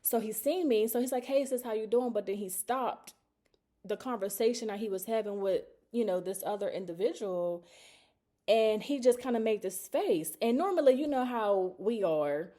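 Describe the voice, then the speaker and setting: A woman's voice: a little high, moderate pace. A young woman telling a personal story to the camera in a casual, candid way, acting out the lines people said to her. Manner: casual, animated, acts out quoted dialogue. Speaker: vlogger.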